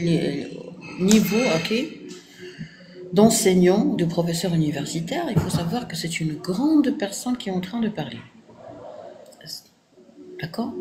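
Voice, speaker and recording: A woman's voice: fairly low pitch, background noise. Stern Moroccan woman lecturing students. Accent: Moroccan French. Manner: emphatic, stern, repeats points for weight. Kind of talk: moralizing talk to students.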